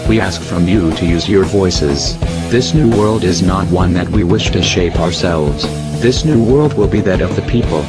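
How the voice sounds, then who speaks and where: A man's voice disguised to sound very low, reading a scripted warning in a solemn, measured way. Loud music plays under him throughout. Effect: voice disguised to sound deep. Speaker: masked group spokesman. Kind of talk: scripted statement.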